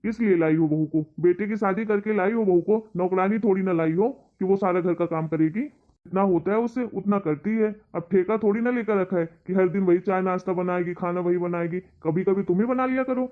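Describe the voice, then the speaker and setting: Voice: medium pitch, a little fast, natural voice. A performer doing a patient, placating husband. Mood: fed-up. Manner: calm, placating, then fed-up. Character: patient middle-aged husband and father, placating. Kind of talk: scripted family comedy sketch. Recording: tinny phone-like audio.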